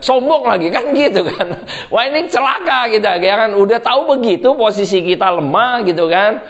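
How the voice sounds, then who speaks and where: Lively, high-voiced male preacher. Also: dull audio. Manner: lively, chatty, jokes and laughs with the congregation; slips into colloquial Jakarta slang. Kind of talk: sermon.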